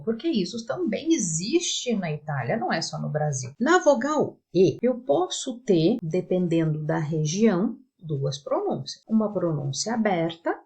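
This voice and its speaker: A woman, teaching an Italian pronunciation lesson in a slow, careful, lively way. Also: fairly high pitch, husky. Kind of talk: language lesson to camera.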